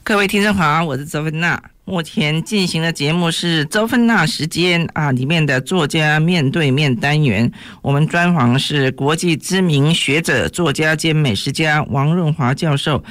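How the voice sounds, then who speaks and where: A woman's voice: sits low, normal speed, few pauses. A woman radio host giving a scripted programme introduction.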